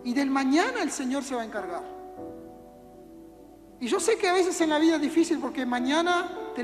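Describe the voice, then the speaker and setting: A woman with a Uruguayan accent gives a relaxed, conversational sermon to young people, slipping into quick acted-out scenes. Her voice sits high and rings through a reverberant church hall. Music plays clearly underneath her. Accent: Uruguayan Spanish. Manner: conversational, acts out little everyday scenes. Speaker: youth preacher. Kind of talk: casual sermon. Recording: echoey hall with music behind.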